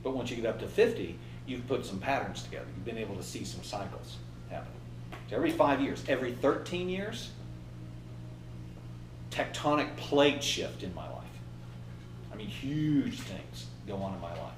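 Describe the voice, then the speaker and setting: Brief: lively man in his fifties, trainer leading a workshop, echoey room, mic a bit distant. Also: mid-range voice, normal speed, noisy background. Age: 50s. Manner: animated, acts out inner voices and laughs. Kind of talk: motivational workshop talk.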